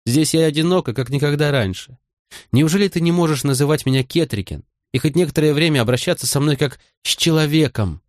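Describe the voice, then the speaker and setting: A man's voice: a little high, fast, no echo, clean studio sound, voice pushed up, lightly acted. A man voicing an earnest, direct young queen. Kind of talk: audiobook character voice.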